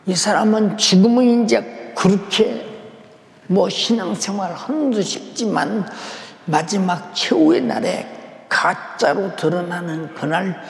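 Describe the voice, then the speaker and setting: An older man preaching a fervent sermon as pastor, his voice swinging from loud declarations to hushed near-whispers. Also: high voice, gravelly. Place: large church sanctuary. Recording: echoey hall with long reverb.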